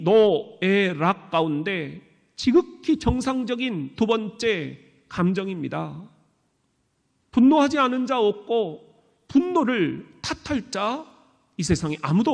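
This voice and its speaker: A man preaching a sermon as pastor, emphatic, with sudden high bursts on key words. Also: creaky. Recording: long hall reverb.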